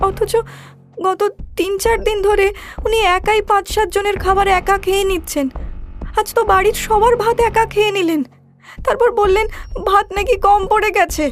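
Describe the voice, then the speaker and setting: A woman voicing an anxious young wife in a cartoon, pleading and emotional. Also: very high-pitched. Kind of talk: cartoon voice acting.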